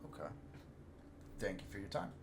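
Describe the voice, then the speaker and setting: A man's voice: moderate pace, noisy background. A man playing a tabletop game, speaking hesitantly with many fillers. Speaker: player. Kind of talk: casual tabletop play.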